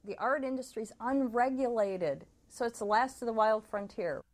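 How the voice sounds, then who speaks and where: A woman's voice: a little high, moderate pace. A woman heading an advocacy group, speaking emphatically in an interview. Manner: emphatic, animated. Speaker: head of an advocacy website.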